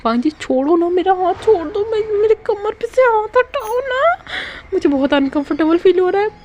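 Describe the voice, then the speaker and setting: A woman's voice: very high voice, animated, moderate pace, a little mellow, muffled recording, a little hiss or hum, pitched above the performer's own voice. A woman voicing a flustered thirty-year-old male omega teacher who pleads and stammers. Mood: embarrassed.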